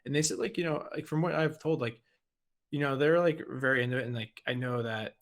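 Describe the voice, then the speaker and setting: A man's voice: mid-range voice, a little fast. A man co-hosting a gaming podcast in casual chat, rambling with lots of "like" and "you know". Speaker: podcast co-host.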